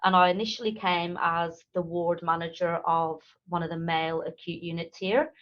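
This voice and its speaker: A woman's voice: lowish voice, little pitch movement, normal speed, muffled recording. Upbeat woman in her thirties. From Ireland. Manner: enthusiastic, lots of ums. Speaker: nurse guest. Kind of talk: casual interview.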